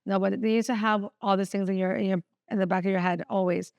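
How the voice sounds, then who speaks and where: A woman hosting a casual podcast chat, animated and laughing, acting out little quotes. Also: mid-range voice, quick pace, no room sound. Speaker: podcast host.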